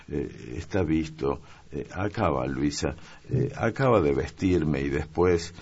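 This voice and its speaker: A man voicing a refined, moody young noblewoman in a slow, deliberate, raised voice in an audiobook reading. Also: sits low, vocal fry, a little mellow, highs cut off, pitched above the performer's own voice, exaggerated voice.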